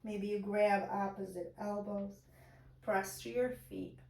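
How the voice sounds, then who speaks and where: A woman teaching a guided chair yoga class, giving slow, soft-spoken breath cues. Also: mid-range voice, little pitch movement, creaky, distant mic. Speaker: yoga instructor. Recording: roomy echo, voice away from mic.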